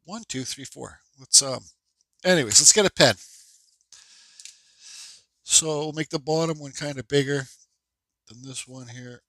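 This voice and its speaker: A congested, stuffed-up woodcarving instructor talks his way through a carving tutorial at his workshop bench, rambling casually with fillers and restarts. His voice is medium-pitched and sharp in tone, unhurried, with long pauses. There's no room sound.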